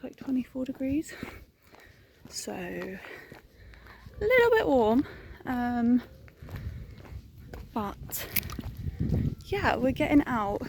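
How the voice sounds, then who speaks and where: A young woman chatting casually and excitably in a vlog, peppering her talk with informal filler. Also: on the high side, gravelly, noisy background. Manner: excitable and informal, frequent "like" and "oh my God". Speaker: vlogger.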